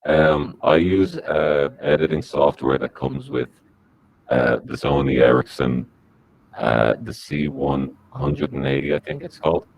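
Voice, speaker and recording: A man speaking through a disguised deep voice as a podcast guest, giving rambling, halting answers. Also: expressive, gravelly, a crowd in the background, rough recording. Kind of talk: comic podcast interview.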